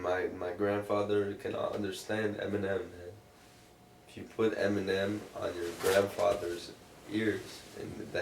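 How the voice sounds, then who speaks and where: Low, creaky male interviewee, loose drunken rambling and swearing, casual chat picked up across an echoey room. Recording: roomy, distant mic, faint noise.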